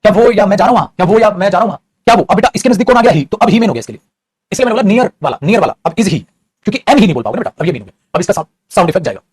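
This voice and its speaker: Husky fast-talking Indian male teacher. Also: sits high, lively intonation. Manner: explains in Hindi, often calls students "beta", repeats points. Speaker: English teacher. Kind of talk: classroom grammar lesson.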